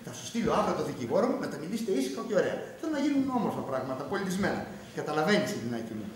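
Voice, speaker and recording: An actor playing a flippant, teasing husband in a stage comedy, talking in a breezy, mock-reasonable way. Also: male voice, a little high, big pitch swings, slight background noise. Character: flippant, charming husband who is leaving his wife. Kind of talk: theatrical stage acting. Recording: very echoey stage, mic far off.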